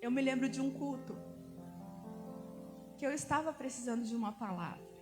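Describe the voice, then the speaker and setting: A woman preacher giving an emotional sermon to a women's conference, moving from soft passages to loud, emphatic ones. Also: high-pitched, moderate pace. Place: church conference hall. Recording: reverberant hall with music behind.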